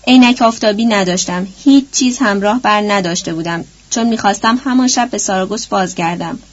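A woman narrating a novel in the first person, measured and reflective, at a middle pitch. The recording is somewhat dull and lo-fi. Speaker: audiobook narrator.

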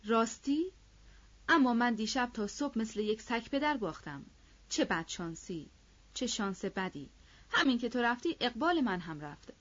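A woman voicing a short, fiery, bad-tempered male hussar officer in an audiobook, speaking loudly and angrily. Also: fairly high pitch, expressive, lo-fi sound. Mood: gruff. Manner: loud, angry shouting. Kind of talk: audiobook character voice.

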